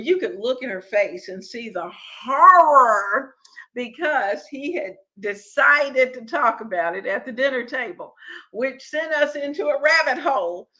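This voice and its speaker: A middle-aged woman with a fairly high, sharp voice hosts a home cooking live stream for her channel. She chats with viewers in a friendly, rambling way, restarting often, and the recording is rough.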